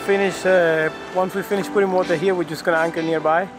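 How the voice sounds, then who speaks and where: A man in his forties vlogging casually on a sailboat, relaxed and matter-of-fact with slightly broken phrasing, filmed on a handheld camera. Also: high voice, fast talker, music in the background. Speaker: sailing vlogger, captain. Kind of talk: casual vlog talk. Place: outdoors on a sailboat in a marina. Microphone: action camera at arm's length.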